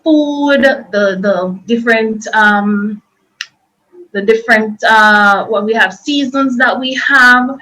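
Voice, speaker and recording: A woman's voice: fairly high pitch, takes it slowly, bright, forceful tone, rough recording. A woman presenting an informal online workshop, explaining things in a chatty, loose and repetitive way.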